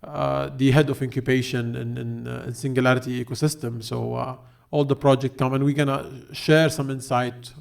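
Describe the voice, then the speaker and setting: A man's voice: medium pitch, level tone, normal speed, vocal fry, hardly any pauses. A man hosting a podcast interview, talking loosely and chattily with plenty of fillers and restarts. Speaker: podcast host. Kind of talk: casual interview chat.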